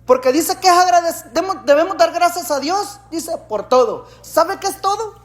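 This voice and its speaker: A man from El Salvador, preaching a sermon in an animated way, with rhetorical questions and jokey asides. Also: very high voice, moderate pace. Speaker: pastor.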